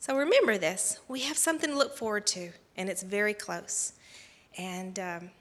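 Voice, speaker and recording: A woman telling a children's story during a church service, in an animated, storytelling way. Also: mid-range voice, moderate pace, big-room sound. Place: church sanctuary.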